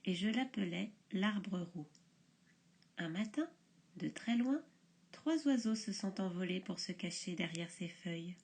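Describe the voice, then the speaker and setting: A woman reading a picture book aloud to young children, expressive and soft in places. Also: fairly low pitch, a little slow, slightly rough.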